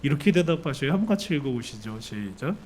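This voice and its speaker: A man preaching a sermon as pastor, asking his congregation lively questions and acting out the people in the story. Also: medium pitch, quick pace, faint music behind. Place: church sanctuary.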